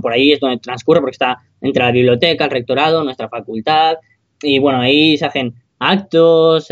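A young man tells a story in a relaxed, casual way, laughing as he goes and swearing freely. His voice sits a little high. The sound is dull and muffled, recorded dry and close. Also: no room sound. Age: young adult. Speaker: podcast co-host. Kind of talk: casual chat.

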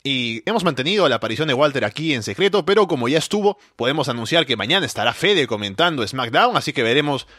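A man co-hosting a casual podcast, relaxed and thinking aloud with small restarts. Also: mid-range voice, fast, few pauses, no echo, clean studio sound. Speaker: podcast co-host. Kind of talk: casual wrestling podcast chat.

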